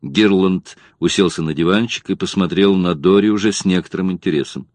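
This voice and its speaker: A man narrating an audiobook in a measured, expressive storytelling manner, close to the mic. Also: low-pitched, no room sound. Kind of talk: scripted narration.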